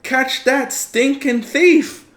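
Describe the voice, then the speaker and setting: A man voicing an indignant, excitable cheese seller in a tabletop game, loud and exclaiming. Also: extremely high pitch, drawn-out words, pitched above the performer's own voice, full character voice. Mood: agitated, indignant. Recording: roomy, echoing room.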